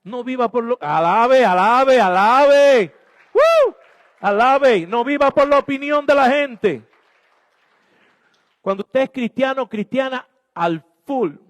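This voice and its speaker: A man preaching a sermon as pastor, exhorting his congregation emphatically in a church. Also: high voice. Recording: long hall reverb.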